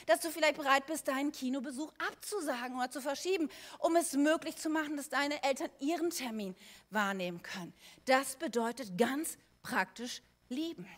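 A woman with a fairly high voice preaching a sermon. She speaks to each listener directly and plainly, switching between punchy emphasis and hushed, thoughtful lines. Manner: conversational, addressing listeners directly with everyday examples; lively, shifting between emphatic and quiet passages.

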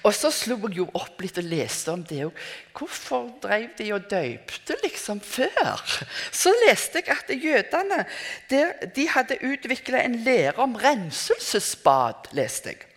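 An older woman giving a reflective, conversational sermon, often pausing to restart her thoughts. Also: on the high side, huge pitch swings. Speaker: preacher. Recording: reverberant hall.

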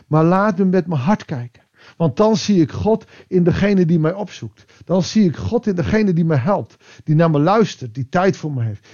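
A man with a slightly high voice delivers a devotional sermon, reflective and full of pauses, his voice rising for emphasis before falling quiet. The audio sounds dull.

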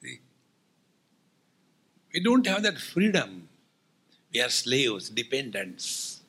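A man's voice: mid-range voice, sing-song, slow pace, fairly bright tone, slightly rough. A man with an Indian accent giving a spiritual discourse as a swami, telling humorous anecdotes in a wry, teasing way with rhetorical questions.

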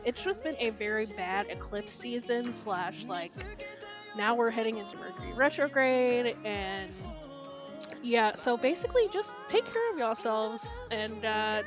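A woman hosting a podcast in a casual, chatty style. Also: a little high. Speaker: podcast host. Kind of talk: casual chat.

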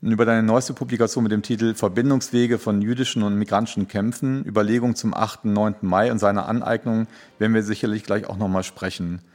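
A man hosts a podcast interview and walks through his guests' backgrounds. His voice sits on the low side, and he pauses often, leaning on filler sounds as he goes. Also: fairly even intonation, a little mellow. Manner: hesitant, many filler sounds. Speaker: podcast host.

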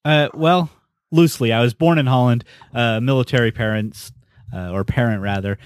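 A man hosting a podcast in relaxed, casual conversation, leading the talk. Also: medium pitch, moderate pace, clear, resonant tone, no room sound, studio quality. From United States. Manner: easygoing, leads the conversation. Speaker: podcast host.

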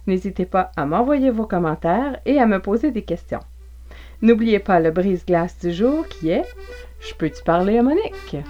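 A woman with a Québécois accent teaching French expressions, repeating each example phrase slowly and clearly. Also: medium pitch, animated, mellow, lo-fi sound, faint music behind. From Quebec. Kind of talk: slow instructional lesson.

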